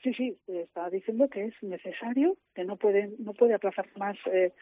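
A woman field reporter calling in live from a press conference, speaking quietly and hurriedly with frequent fillers. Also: medium pitch, phone-quality sound. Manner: hushed, hurried, many fillers and restarts. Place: city hall during a press conference. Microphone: phone.

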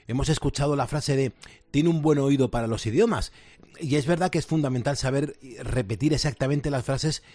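A man's voice: mid-range voice, brisk, dark tone, no echo. Conversational male interviewer. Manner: conversational, reflective. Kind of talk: interview questions.

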